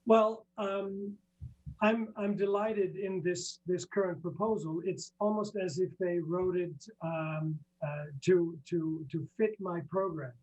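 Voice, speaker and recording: A middle-aged man from Iceland, a business professor answering interview questions haltingly with many fillers and repeated words. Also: sits high, steady tone, darkish tone, muffled recording.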